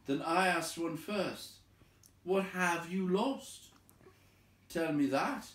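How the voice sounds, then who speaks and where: Plucky little storybook adventurer, voiced by a male reader: exasperated, insistent, higher-pitched calls in an echoey room. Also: takes it slowly, a bit bright. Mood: persistent. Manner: insistent, calling out. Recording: echoey room, distant from mic.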